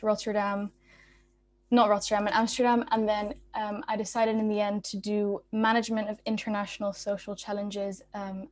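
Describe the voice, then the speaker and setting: A woman's voice: medium pitch, darkish tone. A young woman from Belgium, a student speaker, giving a casual, informal talk on a video call with many ums and restarts. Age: young adult.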